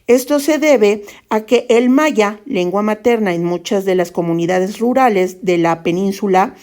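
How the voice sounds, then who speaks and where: A woman presenting a lesson in a measured explanatory tone, using fillers such as "este" and "pues.". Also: mid-range voice, darkish tone.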